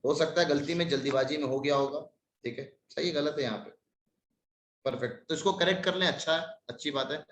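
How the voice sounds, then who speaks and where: Animated male teacher in echoey room. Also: on the high side, brisk, a little hiss or hum. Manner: lively, scolding in jest. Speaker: maths teacher. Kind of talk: live online class.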